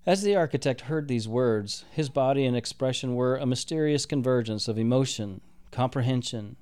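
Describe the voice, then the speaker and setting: A man narrating a story in a measured, expressive reading. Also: mid-range voice, clean tone.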